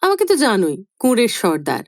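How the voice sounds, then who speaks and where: A woman voicing a grown son in a storybook reading, hurried and sheepish, talking too much to cover his unease. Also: on the high side, huge pitch swings, no room sound, studio quality. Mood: flustered. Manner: hurried, over-explaining, sheepish. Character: anxious grown son, eager and flustered. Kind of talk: audiobook character voice.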